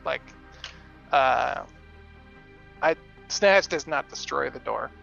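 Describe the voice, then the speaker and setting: Hesitant man player, bright gravelly voice. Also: mid-range voice, slow, dull audio, soft background music. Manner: hesitant, many fillers. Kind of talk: casual tabletop game chat.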